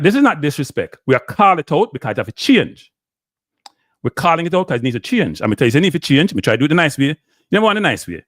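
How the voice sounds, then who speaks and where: Animated Jamaican man ranting on a live stream. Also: on the high side, dry recording, clean studio sound. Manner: animated, lecturing, slips in and out of patois, answers viewer chat.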